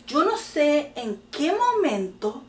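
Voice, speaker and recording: A middle-aged Chilean woman tells a story in a high, bright voice, bursting into laughter and exclamations along the way. She sounds a little distant from the mic, in an echoey room. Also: slow pace. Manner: animated, laughing often, exclamatory. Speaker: podcast host telling a story to her daughter. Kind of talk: casual storytelling chat.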